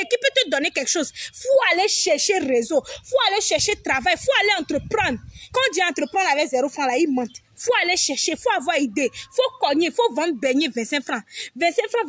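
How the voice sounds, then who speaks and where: A woman's voice: extremely high pitch, fairly bright tone, dry recording, studio quality. A young woman from Togo, giving blunt, repetitive, preachy advice straight to her viewers and swearing freely. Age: young adult. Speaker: vlogger. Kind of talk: direct-to-camera advice monologue.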